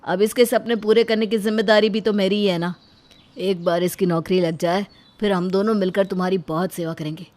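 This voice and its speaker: A woman voicing a kind, devoted young husband who works as a humble peon, in an earnest and gentle manner. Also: mid-range voice, fairly even intonation, brisk, lightly acted. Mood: encouraging. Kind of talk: Hindi storybook voice acting.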